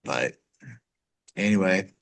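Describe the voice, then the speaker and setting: A man's voice: low-pitched, expressive, slow, fairly bright tone. A middle-aged man chatting casually as a guest, telling jokey stories and acting out the voices of the people in them. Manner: jokey, storytelling, acts out quoted voices. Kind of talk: casual chat.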